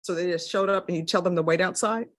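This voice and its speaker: Fast-talking woman judge, courtroom recording. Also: fairly low pitch, steady tone. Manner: brisk, formal, rapid-fire questions. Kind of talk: formal plea hearing questioning.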